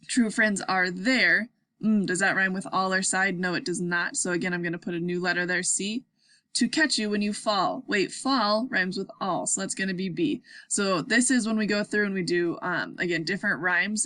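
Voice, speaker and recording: A woman's voice: medium pitch, bright, forceful tone, no room sound. A young woman teaching sixth-graders in a casual online lesson, upbeat and chatty, often checking in with her class.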